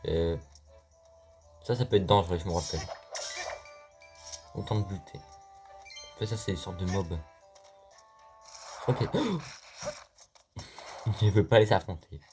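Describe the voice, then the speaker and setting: Very low-voiced man doing gameplay commentary. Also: expressive, slow pace, long pauses, over music. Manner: joking, talks to the game and viewers. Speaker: let's play host.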